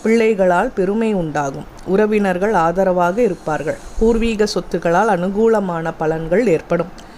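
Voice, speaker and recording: Daily horoscope reading, formal even recitation, mid-pitched voice, faint background hiss. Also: a little slow. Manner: steady, formal, evenly paced recitation. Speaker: horoscope reader.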